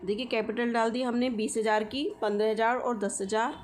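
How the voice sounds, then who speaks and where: High-voiced woman teaching accounts. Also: steady tone, fairly quick, faint music behind. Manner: explains step by step with frequent check-ins. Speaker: commerce teacher. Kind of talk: accounting lesson walkthrough.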